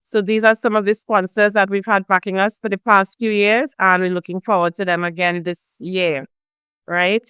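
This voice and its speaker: A woman hosting a program, effusive and warm, thanking family and sponsors. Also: medium pitch, fairly even intonation, moderate pace, clear, resonant tone, no echo, studio quality. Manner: warm, effusive, repeats "amazing". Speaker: foundation founder hosting a program. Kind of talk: welcoming host remarks.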